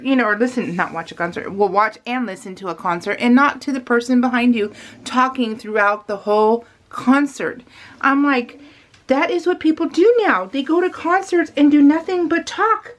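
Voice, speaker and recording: A middle-aged woman who vlogs about crafts chats casually, rambling along in an emphatic, confiding way. Her voice is high with lively intonation, and she talks at a moderate pace.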